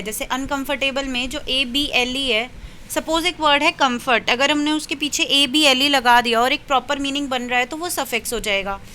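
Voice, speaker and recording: A woman tutor with an Indian accent giving an exam-prep lecture. She explains step by step, reads questions aloud slowly and often checks in with "ठीक है". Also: high voice, bright, forceful tone, a little hiss or hum, poor audio. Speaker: teacher-training tutor.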